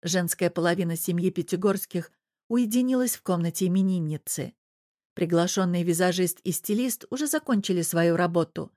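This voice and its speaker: Woman, audiobook narrator, steady reading, low pitch, dry room. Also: no echo. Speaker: audiobook reader. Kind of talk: novel narration.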